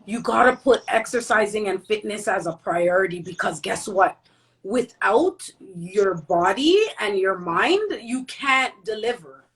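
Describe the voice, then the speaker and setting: A woman's voice: medium pitch, animated, unhurried, fairly bright tone, rough recording. A woman in a casual chat who speaks earnestly and repeats her points for emphasis.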